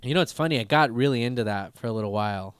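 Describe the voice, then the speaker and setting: A man in his thirties rambles loosely through a podcast chat, full of fillers, restarts and casual swearing. His voice is smooth and clear, at an everyday pitch, and it sounds dry and close on the mic. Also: very fast, no room sound. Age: 30s. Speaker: podcast host.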